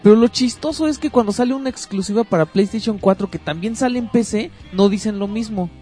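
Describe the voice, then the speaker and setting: A man with a high but mellow voice chats on a podcast. He offers opinions casually over faint music. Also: quick pace. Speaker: podcast panelist.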